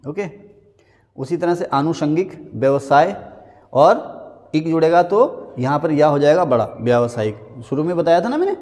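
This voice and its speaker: Hindi grammar teacher man, slow and repetitive. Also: a little high, a little mellow, long reverb tail. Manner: drills words, stating the wrong and the right spelling again and again; slows right down to spell a word out. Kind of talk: classroom-style spelling lesson.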